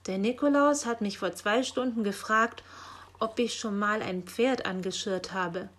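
Woman reading as a clumsy young guy, chatty and earnest, slow storybook pace. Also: mid-range voice, a bit bright. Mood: explaining.

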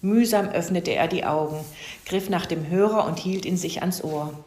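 Low-voiced woman reading a story. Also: normal speed, a little mellow. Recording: roomy echo.

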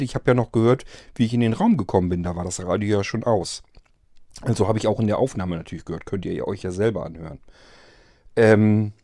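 A man recounts an odd experience in a loose, rambling way, stopping and restarting often. His voice is mellow and mid-pitched. The sound is dry and close. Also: no echo. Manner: rambling, hesitant, many fillers and restarts. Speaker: vlogger telling of a strange event. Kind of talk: casual spoken account.

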